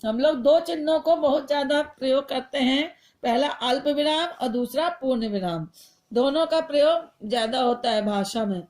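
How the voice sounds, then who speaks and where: A woman teacher giving a patient grammar lesson to young children, explaining each point slowly through example sentences. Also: sits high, a little mellow.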